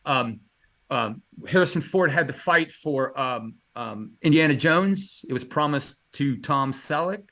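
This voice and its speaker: A man's voice: medium pitch, expressive, measured pace, pushed and bright. Enthusiastic rambling man in casual chat. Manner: enthusiastic, rambling, many fillers and restarts. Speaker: illustrator guest answering questions.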